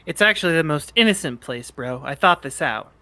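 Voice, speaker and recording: Casting: snarky teenage half-bird sprite boy played by a man, slightly high, bright and dry-recorded, awkward slangy rambler. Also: lively intonation, a little fast, dry recording. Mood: wry teasing. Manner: casual slangy rambling, stammering. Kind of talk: amateur fan fiction read-aloud, character dialogue.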